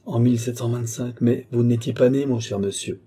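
A man's voice: mid-range voice, fairly even intonation, normal speed, warm tone, breathy edge, close to an everyday voice. A man playing a wry astonished old duke. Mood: incredulous. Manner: wry, incredulous. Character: astonished aging male duke, worldly and wry. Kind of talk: audiobook reading.

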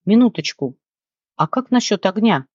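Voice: mid-range voice, animated, normal speed, a little mellow, breathy edge, no room sound, pitched above the performer's own voice. A reader voicing a restless, nosy young man who pesters the others with questions in a fantasy audiobook, recorded dry and somewhat dull. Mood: pestering. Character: impatient, nosy young man, brother figure. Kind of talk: audiobook character reading.

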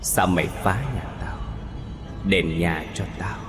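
A man voicing a vengeful female ghost who whispers slowly from far off. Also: deep voice, reverberant, in a large hall, music in the background. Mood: menacing. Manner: slow whispering moan.

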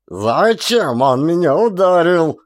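A man reading an audiobook, voicing a terrified, tearful soldier in a shrill, drawn-out wail. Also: big pitch swings, sharp tone, dry recording, clean studio sound, heavily acted. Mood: panicky wailing. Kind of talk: audiobook character voice.

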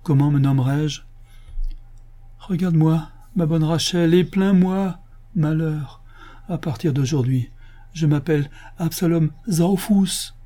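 A man voicing a poor, desperate man who whimpers and pleads in a high, wailing voice. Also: expressive, normal speed, mellow, breathy edge. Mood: despairing. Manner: whimpering, high-pitched lament.

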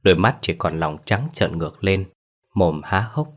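A man's voice: low voice, animated, normal speed. A man narrating a Vietnamese horror story in a grim, dramatic scripted style.

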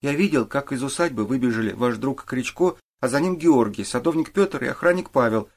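A man's voice: mid-range voice, fairly quick, pitched above the performer's own voice, close to an everyday voice. A man voicing a sullen teenage boy. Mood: explaining. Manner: mumbling, grudging. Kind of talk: audiobook character voice.

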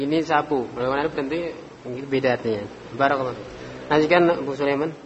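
A man teaches a classroom Arabic lesson at an even, patient pace, calling on students in turn and dropping in Arabic phrases. His voice rings with long reverb in a hall. The recording sounds dull and faintly noisy. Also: mid-range voice, brisk.

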